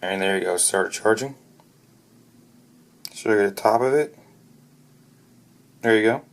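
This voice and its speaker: A man narrating an unscripted product review off the cuff, often stopping to restart and correct himself mid-sentence. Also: lowish voice. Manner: halting, frequent restarts and self-corrections.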